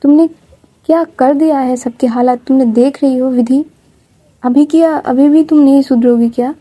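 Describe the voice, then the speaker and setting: A woman's voice: high-pitched, fairly even intonation, normal speed, dark tone. A woman voicing a strict mother who scolds her daughter in a reproachful way. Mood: scolding.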